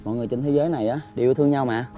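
Guy acting as a gentle delivery man, soft reassuring voice, mid pitch, music playing under it. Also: steady tone, racing, natural voice. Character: kind young male delivery man. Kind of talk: short-film acting.

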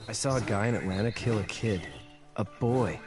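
A shaken young farmhand, voiced by a man in a story game, speaking low and earnestly. His voice sits fairly low, with game music playing clearly behind him. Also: moderate pace, lightly acted. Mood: troubled. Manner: earnest and troubled, confiding.

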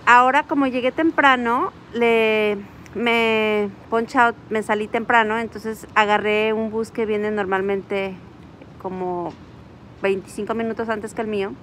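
A woman's voice: medium pitch, slight background noise, rough recording. A woman with a Mexican accent, telling a story in a casual vlog outdoors at a city bus stop and acting out the dialogue. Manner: animated storyteller, acts out quoted dialogue. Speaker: vlogger.

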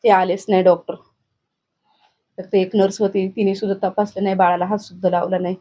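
A woman's voice: medium pitch, level tone, fairly quick, dark tone. A middle-aged woman, giving a grieving, urgent account in a news interview. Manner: grieving, urgent, recounting in detail. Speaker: bereaved grandmother interviewed.

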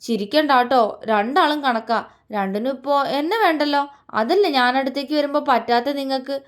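A woman's voice: high-pitched, a little fast, close to an everyday voice. A woman voicing a sulky, pouting young husband who is jealous of the unborn baby, in a petulant, complaining way. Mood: sulking.

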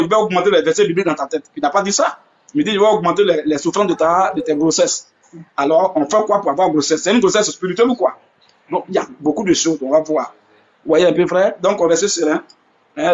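A man's voice: high-pitched, quick pace, dull audio. A man hosts a live religious debate, asking rhetorical questions and repeating "hein". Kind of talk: live stream preaching to followers.

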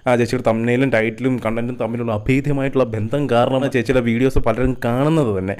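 Rapid-fire sarcastic male commentator. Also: mid-range voice, steady tone, darkish tone. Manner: mock-sympathetic, teasing, rapid-fire. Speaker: reaction video host.

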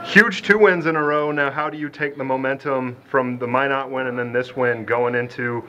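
A man interviewing a coach and players after a basketball game, asking brisk leading questions. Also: medium pitch, fairly even intonation, sharp tone, dull audio. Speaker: sports interviewer.

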